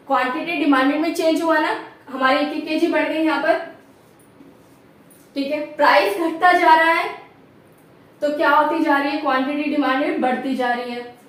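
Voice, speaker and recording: A woman teacher with a high voice walks through a classroom lesson step by step, often checking that students follow and posing rhetorical questions. She is recorded from a distance, off-mic, in an echoey room.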